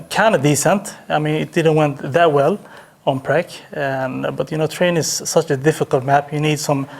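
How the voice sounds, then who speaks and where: A man's voice: on the high side, vocal fry. A man speaking as a team captain in a post-match interview, talking hesitantly with many fillers and restarts. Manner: hesitant, halting, heavy on fillers.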